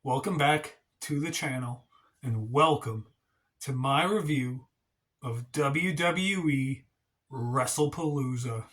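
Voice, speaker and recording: Stuffy and congested with a cold, a wrestling channel host reviews matches in a casual vlog, his talk rambling and full of hedges. He speaks slowly in a medium-pitched voice that's a bit bright.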